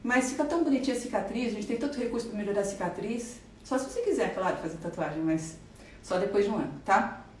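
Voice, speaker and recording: A woman plastic surgeon with a Brazilian Portuguese accent who answers viewers' questions in a live stream, talks fast and with enthusiasm, and explains while pointing and drawing. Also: medium pitch, expressive, darkish tone, slight background noise. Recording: roomy echo, voice a bit far from the mic.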